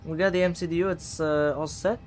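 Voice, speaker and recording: A man's voice: a little high, steady tone, a little fast, darkish tone, a little hiss or hum. A man streaming a flight simulator, casually thinking aloud and muttering to himself as he works through procedures.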